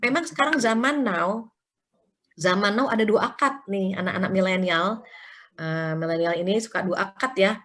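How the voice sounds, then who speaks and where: A woman religious teacher talks in a relaxed, chatty storytelling manner. She acts out short everyday quotes and keeps adding tag fillers as she explains. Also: medium pitch, moderate pace. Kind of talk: conversational religious study talk.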